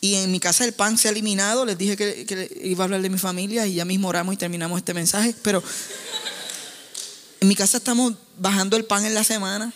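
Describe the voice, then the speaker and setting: A man preaching a sermon as pastor, an animated, joking storyteller who acts out his family members. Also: high-pitched, fast, big-room sound.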